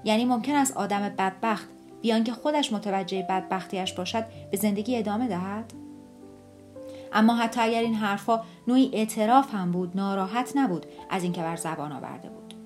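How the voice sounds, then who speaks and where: A woman narrating an audiobook in a steady, measured reading voice. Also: mid-range voice, faint music behind.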